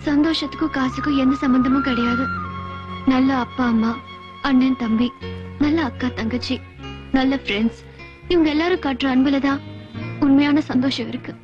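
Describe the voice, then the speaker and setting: A woman's voice: sits high, normal speed, pauses often, dull audio, over music, lightly acted. A young actress playing a rich man's daughter, speaking in an earnest, pleading way in a film scene. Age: young adult.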